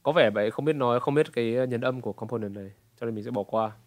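A man in his twenties from Vietnam, correcting pronunciation and repeating words slowly to demonstrate. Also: mid-range voice, dry recording. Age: 20s. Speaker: pronunciation coach. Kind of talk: reaction commentary correcting pronunciation.

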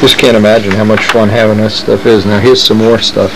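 A man's voice: on the low side, little pitch movement, brisk, noisy background. A man casually narrating as he shows model aircraft plans to the camera, enthusiastic and thinking aloud. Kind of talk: casual show-and-tell narration.

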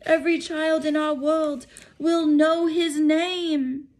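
A woman's voice: steady tone, slow, darkish tone. A woman voicing an agitated, incredulous older witch professor in a storybook read-aloud, speaking emphatically. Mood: indignant. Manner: incredulous, emphatic, high-strung.

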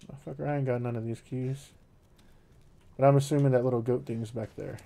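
A man's voice: medium pitch, fairly even intonation, normal speed, vocal fry, mellow. Laid-back swearing man streaming a game. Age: 30s. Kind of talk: casual live-stream chat.

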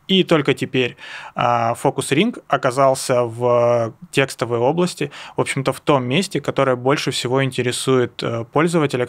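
A man's voice: medium pitch, a bit bright. Young man presenting a tutorial. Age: young adult. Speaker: presenter of a web accessibility lesson. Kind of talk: explanatory screencast tutorial. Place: indoors, seated at a computer.

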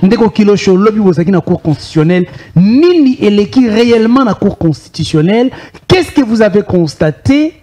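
High, mellow-voiced TV host. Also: male voice, lively intonation. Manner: brisk, announcer-like. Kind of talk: TV talk show hosting. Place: TV studio.

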